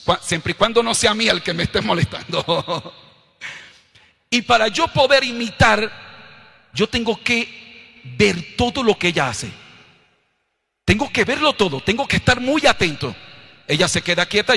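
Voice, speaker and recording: A Colombian man preaching a sermon, swinging from low, quiet asides up to loud, shouted scripture lines. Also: animated, normal speed, gravelly, long pauses, slightly rough. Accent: Colombian Spanish. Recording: long hall reverb.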